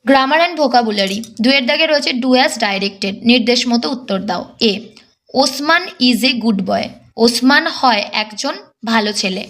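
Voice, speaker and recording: Woman tutor going over exam answers, fairly high voice, slow on the english bits. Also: animated, a bit bright. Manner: reads English lines slowly, then explains briskly. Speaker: teacher. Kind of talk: exam-prep lesson.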